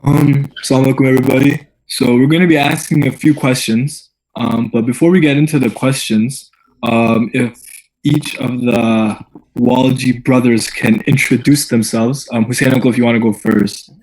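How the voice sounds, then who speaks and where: A man interviewing older relatives, asking questions in a polite, brisk way. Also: medium pitch, fairly even intonation, a little mellow. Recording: echoey room.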